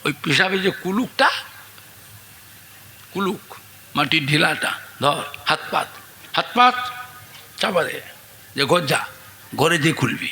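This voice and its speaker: High, gravelly preacher. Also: male voice, a little hiss or hum. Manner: acts out dialogue in his story, shouts to the crowd. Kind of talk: Bengali waz sermon.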